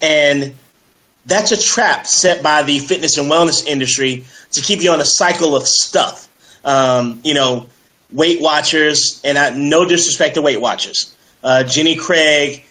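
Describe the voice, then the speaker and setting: A man speaking as a fitness coach in a casual interview, energetic and persuasive, with many fillers like "you know". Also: on the high side, poor audio. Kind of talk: casual interview on a live stream.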